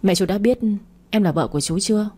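A woman's voice: mid-range voice, fast, a little mellow, lightly acted. A woman voicing a shy young wife who speaks timidly and politely.

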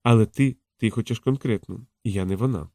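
A man reading a calm, knowing courtesan in a soft, low and hushed voice. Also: brisk, no echo, clean studio sound, natural voice. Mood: teasing. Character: frank, teasing courtesan woman, calm and knowing.

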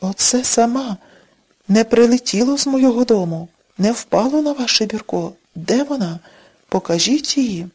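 A man's voice: very high-pitched, lively intonation, normal speed, breathy edge, heavily acted. Woman reading as an enraged jealous husband. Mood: accusing. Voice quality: shouting, accusing. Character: jealous hot-tempered middle-aged husband.

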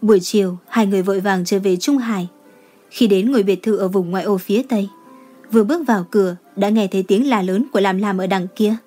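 A woman reading a romance novel aloud as an audiobook narrator, telling the story in a steady manner. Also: medium pitch, quick pace, soft background music. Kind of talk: scripted narration.

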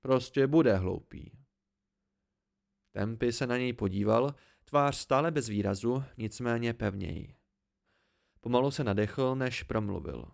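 Gravelly-voiced man reading an audiobook. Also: mid-range voice. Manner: calm first-person storytelling. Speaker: audiobook reader. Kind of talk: amateur audiobook narration.

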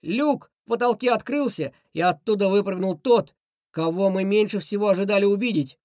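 A woman's voice: medium pitch, moderate pace, a little mellow, no room sound. Woman reading a children's story, dry close sound. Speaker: audiobook reader. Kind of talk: scripted storybook narration.

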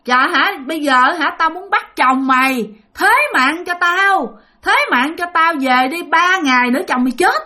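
A woman's voice: moderate pace, hardly any pauses, sharp tone. A woman voicing a hungry, menacing female ghost who has possessed a man in a spoken ghost story. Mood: threatening. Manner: threatening, demanding, shrill.

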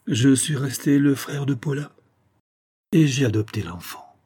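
A man narrating a nineteenth-century fantastic tale as an audiobook, in a measured, theatrical delivery. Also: mid-range voice, dark tone, slightly rough. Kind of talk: dramatic literary reading.

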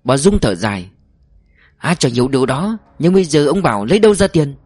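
A man narrating a story with steady storytelling. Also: on the high side, a little fast, husky, no echo. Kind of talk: audiobook narration. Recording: dry recording with faint music. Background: faint background music.

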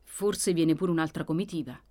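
A woman voicing a shrewd, wary male innkeeper in an audiobook, brisk and guarded with forced ease. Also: low-pitched, steady tone, warm tone, lightly acted. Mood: evasive. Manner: brisk, guarded, falsely casual. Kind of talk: audiobook character reading.

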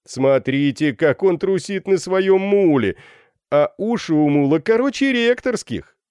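Man playing heckling young students, high and loud, very lively; dry sound. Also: a little slow, clear, resonant tone, dry recording. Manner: shouting, mocking.

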